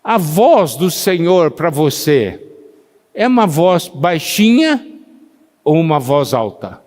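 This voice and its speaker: Guy preaching a sermon, kinda high voice, long echo off a big church hall, keeps quizzing the crowd. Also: big pitch swings, darkish tone. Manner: asks the congregation questions and waits for replies; slows down to stress scripture readings.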